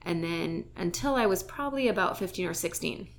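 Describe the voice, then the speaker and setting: A woman's voice: on the low side, expressive, fairly quick. A woman from Barbados, a guest speaking candidly and chattily in a casual conversation.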